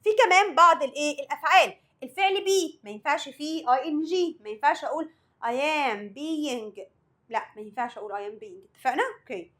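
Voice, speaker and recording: A woman's voice: high voice, brisk, fairly bright tone. A woman English teacher with an Egyptian Arabic accent, going over vocabulary and grammar for an exam, asking the students questions and then answering them herself. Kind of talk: exam review lesson.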